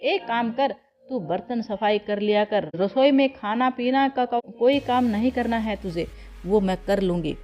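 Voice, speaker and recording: A woman's voice: fairly high pitch, a little slow, darkish tone, natural voice. A woman voicing a spiteful, scheming elder sister-in-law who talks with scorn and threats in a read-aloud family story. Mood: scornful.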